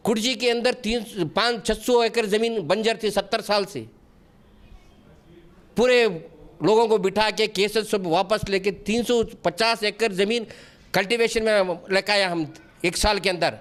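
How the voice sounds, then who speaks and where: Brief: middle-aged man, high voice, earnest and defensive, restarts his lines. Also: fairly bright tone. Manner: earnest, repeats himself, restarts often; defensive and pleading. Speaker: wakf board member being interviewed. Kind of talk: news interview answers.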